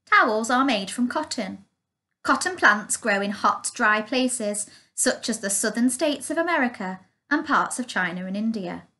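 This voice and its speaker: A woman reads a children's picture book aloud, taking her time over every sentence. Her voice is bright and slightly high, with a clear, careful delivery. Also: animated, measured pace. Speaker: storyteller.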